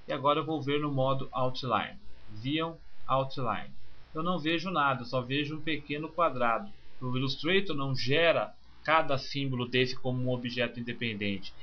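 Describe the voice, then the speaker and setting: Man talking through a screencast. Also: medium pitch. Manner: relaxed, talks through each click step by step. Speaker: software instructor. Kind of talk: screencast tutorial. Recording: slightly muffled with faint hiss.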